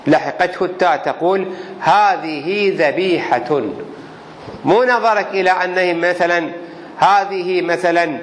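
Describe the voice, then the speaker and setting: A man teaching a grammar class as a religious teacher, explaining slowly and deliberately with examples. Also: high-pitched, fairly bright tone. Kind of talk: classroom lesson on Arabic grammar. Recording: reverberant hall, faint background noise.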